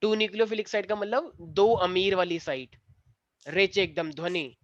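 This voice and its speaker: In a dull, slightly lo-fi dry recording, a man with a high voice and fairly even intonation teaches chemistry at a moderate pace. He jokes with and teases his class while weaving English terms into his explanations.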